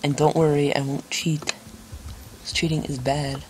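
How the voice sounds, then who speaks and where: A man's voice: a little high, flat delivery, a little slow. A young man giving casual gameplay commentary, rambling and joking about himself, with lots of fillers. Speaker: gaming channel host. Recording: noisy home recording with keyboard clicks. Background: keyboard clicks and typing.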